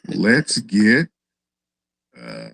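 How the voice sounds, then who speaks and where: A man hosting a livestream call-in show, chatting casually and getting excitable as he teases callers. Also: very slow, vocal fry, no room sound. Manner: excitable, shoots up in pitch when teasing callers. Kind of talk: casual chat.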